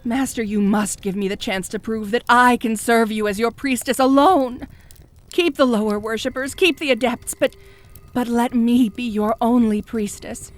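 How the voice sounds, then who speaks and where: A woman playing a fanatical, jealous cult high priestess in an audio role-play, fawning and pleading with stammering devotion. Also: normal speed, natural voice. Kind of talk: scripted audio role-play addressed to the listener.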